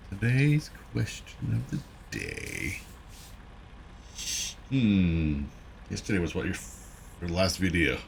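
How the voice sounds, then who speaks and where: Middle-aged man from Wisconsin, gravelly low voice, casual rambling game commentary. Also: slight background noise. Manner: rambling, chatty, folksy. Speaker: gaming YouTuber. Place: home gaming room with driving rig. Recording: loud truck game audio underneath.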